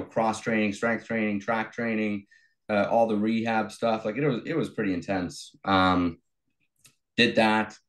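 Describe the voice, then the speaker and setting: A young man from South Africa, a guest in a casual interview, telling his story in a relaxed way with many fillers. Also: fairly low pitch. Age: young adult. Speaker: guest, bodybuilder and coach.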